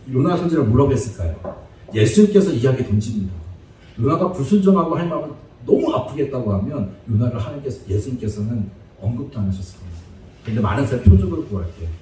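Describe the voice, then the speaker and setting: A man's voice: mid-range voice, lively intonation, fast, mellow, a little hiss or hum. A male preacher giving a humorous, chatty sermon lecture that breaks into frequent laughter. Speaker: evangelist preacher. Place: church sanctuary. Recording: echoey church hall, distant mic.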